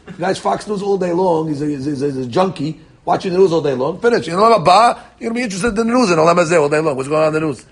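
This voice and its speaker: Gravelly man teaching a Talmud class. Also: a little high, racing. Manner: animated, repeats words, acts out quoted people. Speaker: Torah teacher.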